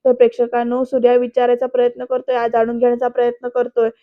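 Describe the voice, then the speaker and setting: A woman's voice: a little high, completely flat delivery, fast talker. A woman recording a voice-over recap of a TV serial, retelling each scene step by step and speaking straight to her viewers. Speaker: TV serial reviewer. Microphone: voice-over, not recorded in the pictured place. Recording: dull lo-fi voice-over.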